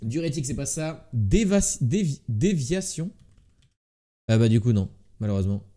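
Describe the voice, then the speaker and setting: A man's voice: mid-range voice, animated, moderate pace, dark tone. A man with a slight lisp on his s sounds, doing casual live game commentary as a streamer and muttering repeated word guesses to himself.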